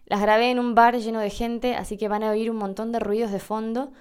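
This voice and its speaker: A woman's voice: on the high side, level tone, brisk, darkish tone, clean tone. Chatty Argentine woman podcast host. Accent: Argentine Spanish. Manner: chatty, self-deprecating, demonstrates pronunciations. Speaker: podcast host teaching Spanish. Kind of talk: casual educational podcast.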